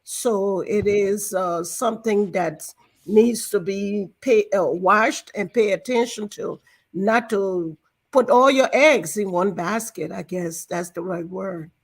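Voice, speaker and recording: Liberian-born woman, measured and explanatory. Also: mid-range voice, breathy edge. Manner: measured, explanatory, with frequent fillers. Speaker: guest, banking director. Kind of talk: interview talk.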